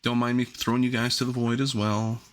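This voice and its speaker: A man's voice: mid-range voice, flat delivery, brisk. A man hosting a livestream in casual gaming chat, rambling and often interrupting himself as he gets sidetracked. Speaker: livestream host.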